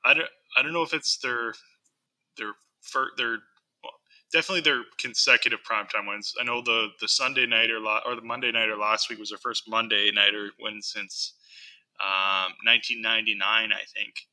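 Low, sharp-toned man, halting deadpan. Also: rough recording. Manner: halting, full of ums and restarts, dry deadpan delivery. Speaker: podcast co-host. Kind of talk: casual sports chat.

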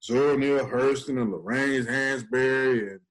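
A man's voice: mid-range voice, normal speed, low-quality recording. A man co-hosting a podcast in casual chat, joking and slangy, laughing a lot. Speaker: podcast co-host.

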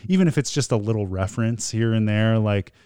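A man guesting on a podcast, talking casually with a rambling, halting delivery and a goofy streak. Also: on the low side, dark tone, clear, resonant tone, no echo, studio quality. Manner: rambling, many fillers and restarts, goofy.

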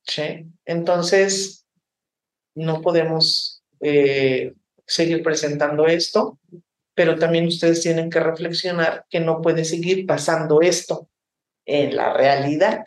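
A woman's voice: low voice, steady tone, slow pace. A woman theater teacher and director from Mexico, answering interview questions with passion and frequent reflective asides. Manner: passionate, reflective, many rhetorical "¿no?" tags. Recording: roomy echo.

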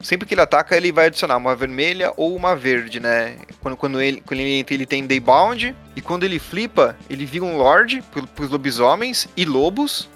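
A man's voice: a little high, animated, fairly quick, hardly any pauses, fairly bright tone, faint music behind. A man with a Brazilian accent and a slight tongue-tied lisp, explaining a card game in casual, slangy talk. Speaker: podcast panelist.

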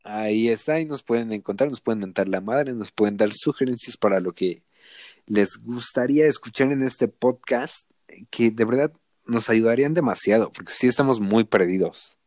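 A man's voice: medium pitch, darkish tone, no echo. A man with a Mexican accent bantering casually and profanely as a football podcast co-host. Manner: slangy, profane, joking.

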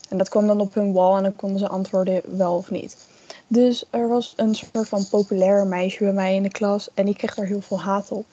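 A woman's voice: mid-range voice, dark tone, highs cut off. A young woman in casual podcast chat, telling a long personal story with many fillers and quoted asides. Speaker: guest storyteller.

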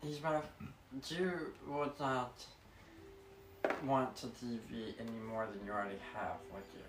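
A man playing a tabletop game, talking in lively banter. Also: medium pitch, a little slow. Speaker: player. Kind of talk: casual tabletop play. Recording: echoey room, distant mic, clear noise.

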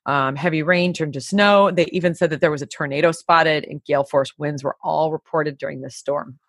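A woman's voice: sits low, steady tone, a little fast, no echo. A woman co-hosting a podcast, telling a story in a casual, chatty way with many fillers. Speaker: podcast co-host. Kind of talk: casual chat.

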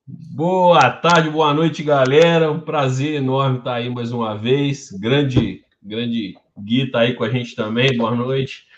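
A man's voice: mid-range voice, fairly even intonation, slow pace. A man co-hosting a casual football chat stream, teasing and swearing, repeating himself, on a muffled line with background noise. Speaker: co-host.

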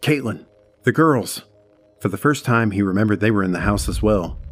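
A man giving a measured, dramatic scripted horror narration. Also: lowish voice, steady tone, faint music behind.

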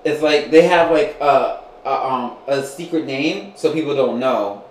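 A man in his twenties hosting a casual chat, animated, gossipy and joking. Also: mid-range voice, measured pace, roomy sound, a little hiss or hum, low-quality recording. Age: 20s. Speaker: podcast host.

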